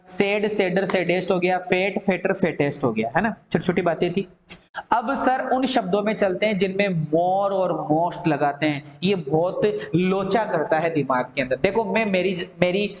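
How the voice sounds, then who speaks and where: Man teaching grammar in an echoey room. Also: high-pitched. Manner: repetitive, asks and answers own questions; drills word forms in lists. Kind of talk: classroom grammar lesson.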